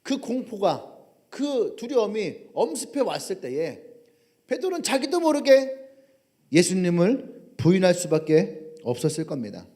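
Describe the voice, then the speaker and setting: A male pastor preaching a sermon, telling stories with animated humor. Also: high voice, measured pace.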